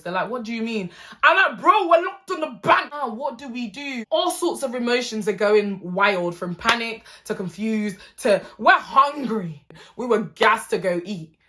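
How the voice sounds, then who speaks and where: Bright-voiced British woman telling a story. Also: on the high side. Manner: animated, slangy storytelling. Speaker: vlogger. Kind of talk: storytime vlog.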